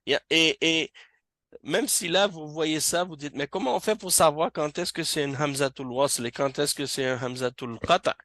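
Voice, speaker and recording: A man teaching an Arabic reading class in a mosque, explaining slowly and patiently and repeating words so students catch the pronunciation. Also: a little high, a bit bright, no echo.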